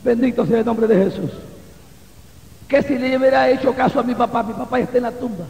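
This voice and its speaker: A man preaching with fervor at a church service, his very high voice gravelly at the edges. He keeps breaking into exclamations of praise. The hall around him rings with a long echo. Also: fairly quick, a little mellow. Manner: fervent, punctuates with exclamations of praise. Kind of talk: evangelical sermon and testimony. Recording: echoey hall with long reverb.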